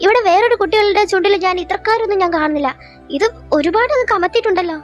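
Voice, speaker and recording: A young woman voicing a strict female schoolteacher who loudly scolds a student, in a fan audio drama. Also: extremely high pitch, steady tone, very fast, faint music behind. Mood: scolding. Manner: loud, scolding, interrogating.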